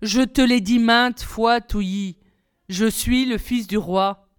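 A woman reading aloud, voicing an eager, cheerful young prince in a lively, raised voice. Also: on the high side, takes it slowly, clear, resonant tone. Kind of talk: storybook reading.

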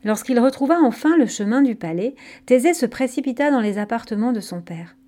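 A woman narrating a scripted myth story in a calm, gentle storytelling manner. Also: fairly high pitch, a little fast.

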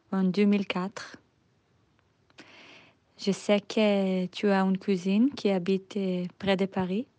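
A young woman with a heavy Israeli accent, speaking careful, halting learner's French in a spoken video letter to her grandmother. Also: mid-range voice, a little mellow, dry recording.

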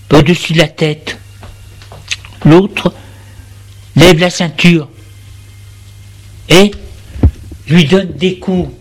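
A man reading a dramatic story aloud in a measured, deliberate narration. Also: high voice.

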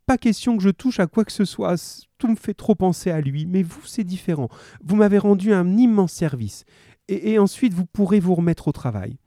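A man's voice: mid-range voice, animated, moderate pace, dark tone, dry recording, studio quality, natural voice. A man voicing a scheming young widow who sweetly pleads with the police, reading a crime story aloud. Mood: pleading.

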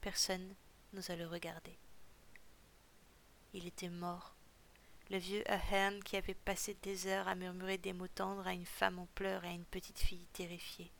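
Low-voiced woman narrating a story. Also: moderate pace, creaky, slight background noise. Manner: steady, even storytelling. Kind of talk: audiobook narration.

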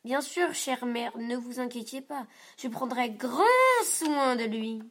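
A woman's voice: high-pitched, flat delivery, normal speed, pitched above the performer's own voice, close to an everyday voice. A woman voicing a cheeky, stubborn little boy with defiant, sulky retorts in a read-aloud picture book. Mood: mock polite.

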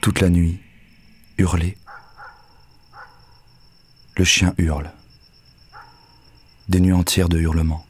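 An actor playing a bitter, lonely young poet in an audio drama, speaking gruffly and curtly, at times sinking into a hushed half-whisper. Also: male voice, low voice, flat delivery, slow, long pauses, heavily acted. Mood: brooding, weary. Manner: gruff, curt and crude. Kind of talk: poetic audio-drama monologue.

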